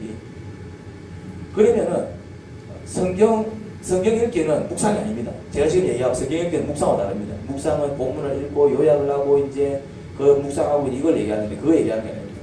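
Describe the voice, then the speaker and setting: Korean pastor preaching in an echoey church. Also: male voice, medium pitch, quick pace. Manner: asks the congregation questions and draws call-and-response replies. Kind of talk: sermon. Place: church sanctuary. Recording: echoey church hall, distant mic, background noise.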